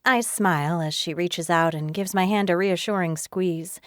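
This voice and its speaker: A woman narrating a romance audiobook in the first person in a steady, even reading voice. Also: fairly low pitch, moderate pace, dry recording, studio quality.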